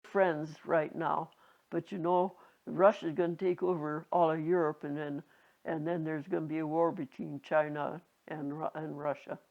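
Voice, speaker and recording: A very old woman in her nineties reminiscing casually, halting and rambling, with a creaky aged voice. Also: low-pitched, level tone. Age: 90s. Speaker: interviewee. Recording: dull lo-fi home recording.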